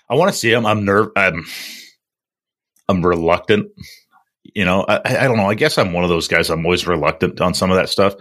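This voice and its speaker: A man with a low but bright, forceful voice talks casually like a tradesman on a podcast. He rambles through his stories haltingly, with plenty of filler words. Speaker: plumber and podcast host. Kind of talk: casual chat.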